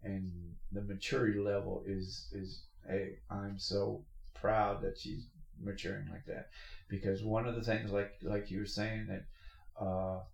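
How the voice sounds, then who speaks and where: A man's voice: lowish voice, vocal fry. A middle-aged man hosting a podcast, rambling through stories in a casual chat with plenty of restarts and laughs. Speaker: podcast host. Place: work shop with machines. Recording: roomy echoey shop recording.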